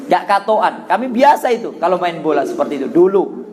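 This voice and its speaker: A middle-aged man with a Javanese accent delivers an Islamic sermon in a high, bright voice. He tells stories animatedly and acts out childhood voices and shouts as he goes. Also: sing-song, brisk. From Java, Indonesia. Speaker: Islamic preacher. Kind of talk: sermon with personal storytelling.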